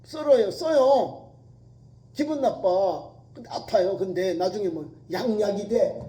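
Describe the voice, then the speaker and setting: A man's voice: high-pitched, expressive, measured pace, dark tone, poor audio. A male pastor preaching a sermon with emphasis, repeating phrases and acting out quoted lines.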